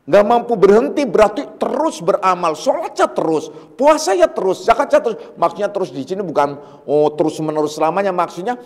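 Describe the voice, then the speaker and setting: A man giving a religious study lecture, animated and full of fillers, now and then acting out mocking voices. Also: high voice, brisk, in a large hall. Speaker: Islamic teacher.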